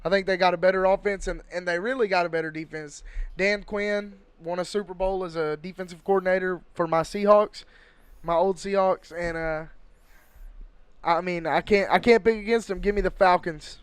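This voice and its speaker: Excitable man with a higher, crisp voice. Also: dry recording. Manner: excitable, rambling, fast bursts. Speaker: podcast co-host. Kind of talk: casual sports chat.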